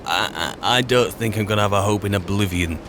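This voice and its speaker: A man with a somewhat low voice speaks a little quickly, roleplaying a cautious adventuring wizard as he comments on a video game, muttering short phrases to himself. The background is free of noise apart from game ambience.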